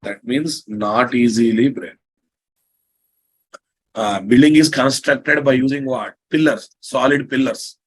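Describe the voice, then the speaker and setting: A man's voice: medium pitch, slow, husky, rough recording. A man with an Indian accent lecturing online as a programming instructor, bluntly teasing, repeating his phrases and checking understanding with questions.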